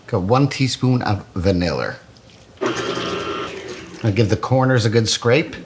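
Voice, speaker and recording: A man's voice: lowish voice, measured pace, very noisy. A man hosting a casual cooking demo, joking and crude as he bakes. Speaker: cooking show host.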